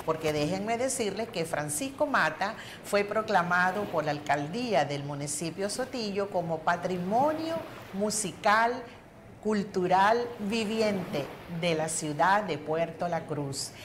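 A woman's voice: fairly low pitch, animated, a little slow, noisy background. An older woman with a Venezuelan accent hosting a TV studio interview, introducing her guest effusively. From eastern Venezuela. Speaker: TV host.

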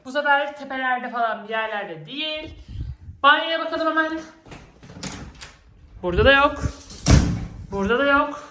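A woman's voice: sits high, normal speed, pauses often, bright, forceful tone. A woman chatting casually to viewers as a vlog host, playful and exclamatory. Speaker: vlog host and game player. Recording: roomy echo, faint background noise.

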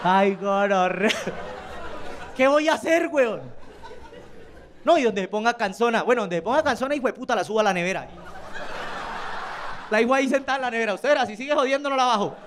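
A man's voice: very high-pitched, lively intonation, fast talker, pauses often, crowd noise, noisy background. A man with a Colombian accent performing a stand-up comedy routine, telling crude stories with quoted voices. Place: comedy club stage.

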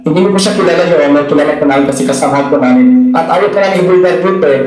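A man's voice: on the high side, very fast, darkish tone. A man speaking as a church minister at a formal hearing, very deferential with constant "po" and "Your Honor" while pressing pointed questions. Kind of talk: impassioned formal testimony. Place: large hearing room. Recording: very echoey hall with faint music.

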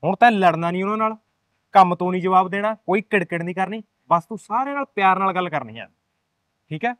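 A man's voice: sits high, animated, fast, fairly bright tone, no echo. A man playing a smug plotting husband. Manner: boastful, chuckling, coaxing. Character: plotting husband, cocky schemer. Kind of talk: amateur village short-film acting.

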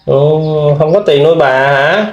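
Man asking gentle questions, echoey. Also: fairly high pitch, a little slow, dull audio. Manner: gentle questioning with many fillers. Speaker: vlog host interviewing. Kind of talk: casual interview.

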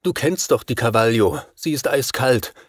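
A man's voice: medium pitch, normal speed, dry recording, clean studio sound, natural voice. A man reading an audiobook, voicing a desperate, anxious father who fears for his son. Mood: worried. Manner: anxious, agitated. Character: worried middle-aged father, desperate, pleading.

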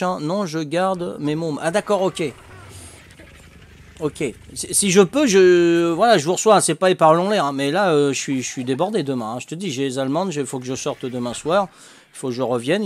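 An older man chatting casually with viewers while streaming a game, joking, laughing often and tacking "hein" onto his sentences. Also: fairly high pitch. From Corsica. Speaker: livestreaming gamer. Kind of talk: casual livestream chat with viewers.

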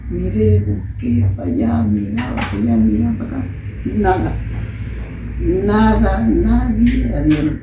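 An older woman, telling a personal story as an interviewee in a halting, soft-spoken way. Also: medium pitch, sing-song. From Peru. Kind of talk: emotional personal testimony. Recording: roomy, distant mic, faint noise.

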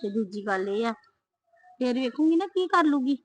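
Actress as a complaining young wife, high voice, faint music behind. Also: female voice, animated, normal speed. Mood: aggrieved. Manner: sulky, complaining. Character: young wife sulking about her sister-in-law. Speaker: daughter-in-law in a family short film. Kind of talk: scripted short film acting.

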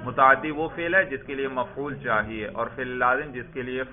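A man's voice: mid-range voice, steady tone. A man teaching Arabic grammar in a classroom lecture. He reads lines of text aloud, explains them, and quizzes his students, often answering his own questions. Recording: tinny phone-like lo-fi classroom recording.

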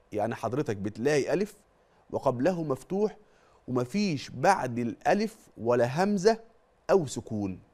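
A man's voice: medium pitch, a little mellow. Egyptian man teaching Quran recitation. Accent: Egyptian Arabic. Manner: poses questions and answers them himself; draws out example words slowly to demonstrate. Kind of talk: religious TV lesson.

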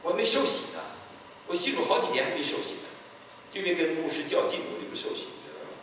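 A man preaches, his bright voice leaping up and down in pitch as he tells the story and acts out each exchange. His voice sounds distant in a very echoey hall with long reverb and faint background noise. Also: quick pace. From mainland China. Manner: animated storytelling, acting out dialogue, bursts of loud exclamation. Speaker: pastor. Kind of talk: evangelistic sermon. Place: large church hall.

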